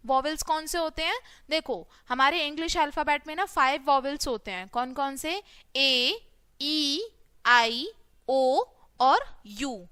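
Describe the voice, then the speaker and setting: High, bright-voiced woman teaching phonics. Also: dry recording. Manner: asks questions and answers them herself, drawn-out letter sounds. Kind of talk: children's phonics lesson.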